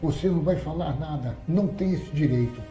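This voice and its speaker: A man's voice: fairly high pitch, fairly quick, music in the background, natural voice. A man voicing a taunting, scheming young woman with a mocking, venomous manner, in an echoey audio story. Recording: roomy echoey recording.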